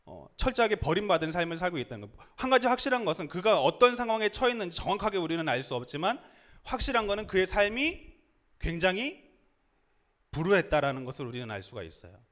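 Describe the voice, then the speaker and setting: Animated high-voiced preacher. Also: male voice, fast. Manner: animated, asks the listeners rhetorical questions. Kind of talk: sermon.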